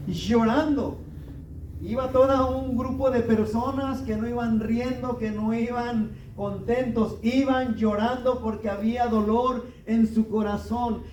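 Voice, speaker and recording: High-voiced, slow, emphatic male preacher. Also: mellow, roomy sound, recorded from a distance, a little hiss or hum, rough recording. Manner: preaching with rising emphasis and rhetorical questions. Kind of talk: sermon. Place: church.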